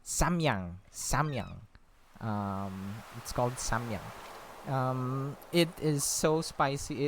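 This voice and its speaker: A man's voice: mid-range voice, a little hiss or hum. A man from the Philippines chatting casually while playing a game, rambling with lots of ums and a slightly breathless voice. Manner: rambling, many fillers, easily sidetracked. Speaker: gaming vlogger.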